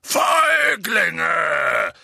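A man's voice: fairly high pitch, wildly swooping pitch, extremely slow, creaky, pushed and bright, husky, no room sound, clean studio sound, pitched above the performer's own voice, heavily acted. A man voicing a huge, defiant gamekeeper who bellows in fury. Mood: furious.

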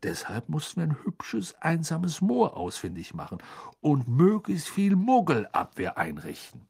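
A man's voice: a little high, huge pitch swings, a little slow, gravelly, a little mellow, slightly rough, pitched above the performer's own voice, exaggerated voice. A man voicing a kindly middle-aged father who explains things patiently. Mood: explaining.

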